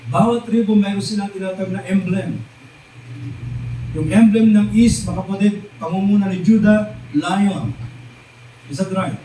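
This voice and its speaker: A man's voice: high voice, mellow, slight background noise. Filipino man preaching in an echoey hall. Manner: mixes English scripture with Tagalog, keeps calling the congregation "mga kapatid"; drawn-out, emphatic quoting of lines. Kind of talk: sermon. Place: church hall. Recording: echoey church hall recorded from a distance.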